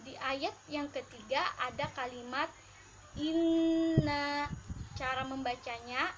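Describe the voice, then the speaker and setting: A young woman in her twenties, a student teacher giving a children's Quran recitation lesson, slowly repeating sounds for pupils to copy. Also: high-pitched, steady tone, noisy background. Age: 20s.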